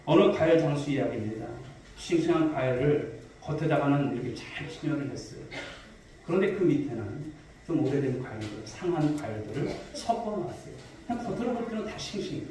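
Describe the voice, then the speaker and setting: A man's voice: fairly high pitch, animated, brisk, warm tone, slight background noise. A male pastor preaching a sermon to his congregation, asking questions and telling stories. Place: large church sanctuary. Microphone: distant mic in a reverberant hall. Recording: very echoey hall, voice from far off.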